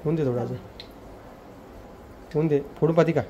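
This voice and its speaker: A man's voice: fairly high pitch, steady tone, fairly quick, dark tone, lo-fi sound. A chatty father films a casual home vlog in his kitchen on a handheld phone. He talks in a loose, playful way, coaxing a little child between asides to his viewers, with a faint hum of room noise behind him. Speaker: family vlogger, father.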